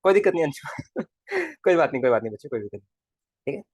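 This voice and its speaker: A man's voice: fairly high pitch, huge pitch swings, very fast, darkish tone, slightly rough, no room sound. A male physics teacher in a casual live class, coaxing his students with constant questions and calling them kids. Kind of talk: live online class lecture.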